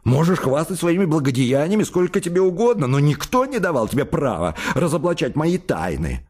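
Man doing a hysterical young man, high strained voice, shouting outbursts, wild pitch swings, audiobook reading. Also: very animated, a little fast. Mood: shrill indignation.

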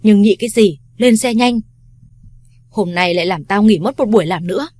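Woman doing a loud bossy friend, swears a lot, husky voice, dry sound. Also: mid-range voice, fairly quick, no room sound, lightly acted. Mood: angry. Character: brash foul-mouthed young woman, protective older friend.

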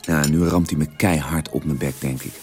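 A man in a radio drama telling a long, detailed story at the dinner table in a measured, drily precise way. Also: a bass voice, fairly even intonation, darkish tone, breathy edge, faint music behind. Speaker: character telling an anecdote at a family dinner.

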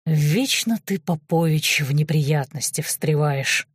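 A woman voicing a stern, sardonic male chief investigator and sorcerer in an audiobook, speaking curtly in a lowered voice. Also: takes it slowly, husky, dry recording, clean studio sound, heavily acted. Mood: reproachful. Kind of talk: audiobook character voice.

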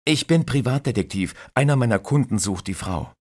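A man's voice: mid-range voice, expressive, brisk, breathy edge, voice pushed up. A man voicing a dry, persistent male private detective asking terse questions. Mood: questioning.

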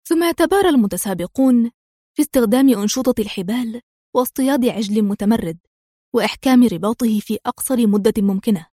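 A woman reading the lines of a bold, joking male secret agent, calm and confident in a dry, close recording. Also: on the high side, no echo, lightly acted.

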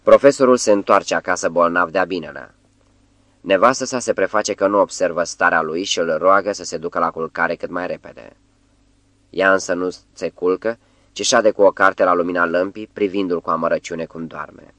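Deep-voiced male audiobook narrator. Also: steady tone, a bit bright, no echo. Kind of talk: scripted literary narration.

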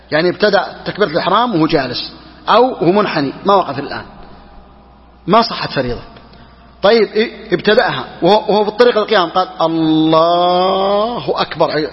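Brisk high-voiced man teaching in a hall. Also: highs cut off. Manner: quick, repeats key phrases for emphasis. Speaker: sheikh teaching Hanbali jurisprudence. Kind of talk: religious lesson explaining a text.

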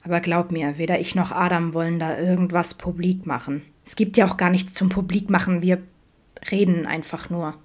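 Teasing chatty man as read by a woman, lowish voice, audiobook reading. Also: steady tone, normal speed, natural voice. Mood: sullen. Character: adult man, camp cook, open and teasing.

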